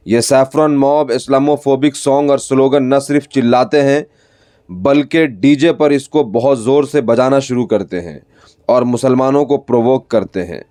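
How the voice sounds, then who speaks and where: Dark, dry-voiced male news narrator. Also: medium pitch, no room sound. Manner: critical, pointed commentary. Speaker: news anchor.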